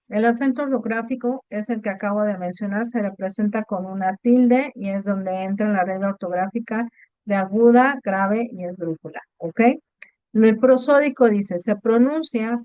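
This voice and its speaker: Woman tutor, clear smooth voice, dry close sound, patient explainer. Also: fairly high pitch, normal speed, darkish tone, no echo. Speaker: online course tutor. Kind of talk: virtual class explanation. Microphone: video call.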